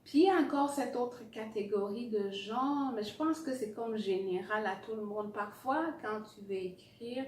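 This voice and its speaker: A woman's voice: on the high side, moderate pace, few pauses, a little mellow. Echoey, distant woman coaching. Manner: emphatic, repeats key phrases, direct address; some English words mixed into French. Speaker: writing coach. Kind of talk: motivational teaching with acted-out anecdotes. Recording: roomy echo, distant mic, faint noise.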